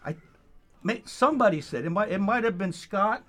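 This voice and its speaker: A man hosting a radio fundraiser with casual banter, speaking in a halting, repetitive, pleading way. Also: sits high, animated, fairly bright tone. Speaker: radio show host.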